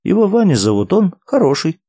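A man's voice: high-pitched, sing-song, brisk, warm tone, no echo, clean studio sound, pitched above the performer's own voice. A man voicing a polite, eager little girl in a storybook reading.

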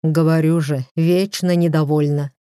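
A woman voicing a gruff, protective young husband in an audiobook, with slow, growling lines. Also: sits low, fairly even intonation, dark tone, no room sound, clean studio sound. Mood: exasperated.

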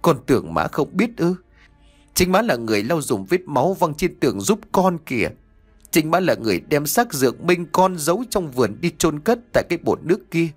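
A tearful middle-aged mother pleads and confesses to her son in an audio story, as a male narrator puts her on. The voice is husky with lively rises. Faint music plays behind. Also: on the high side, fairly quick, voice pushed up. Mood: pleading.

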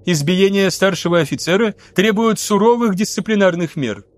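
A man voicing a stern female military commissar, measured and dry. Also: sits high, pitched above the performer's own voice, natural voice. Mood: cool.

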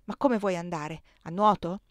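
A woman reading the part of the worried mistress of a household, who asks sharp, commanding questions, in a dry close recording. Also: on the low side, moderate pace, no echo, natural voice.

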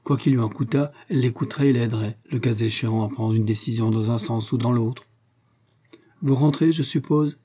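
A man narrating a classic novel in a calm, measured reading voice. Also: mid-range voice, slightly rough. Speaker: audiobook narrator. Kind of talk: scripted narration.

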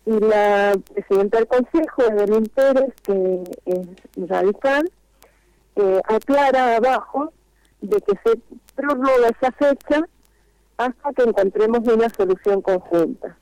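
Her voice on the high side, warm and clean, a woman calls in to a radio interview on speakerphone as a vendors' spokesperson. She gives earnest, lengthy explanations with frequent pauses, and there's no echo.

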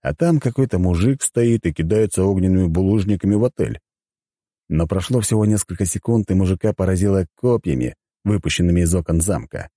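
A man's voice: low-pitched, a little fast, warm tone, dry recording. A man narrating an audiobook in first person in a wry, conversational way, close to the mic.

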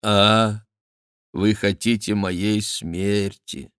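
A man voicing an aging, scheming queen mother who pleads with her son in a raised, drawn-out way. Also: medium pitch, dry recording, studio quality, pitched above the performer's own voice. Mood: imploring.

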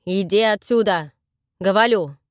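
A woman voicing a gruff, burly male bandit who barks his lines roughly. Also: on the high side, big pitch swings, unhurried, dry recording, studio quality, pitched above the performer's own voice. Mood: shouting. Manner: rough barking shouts.

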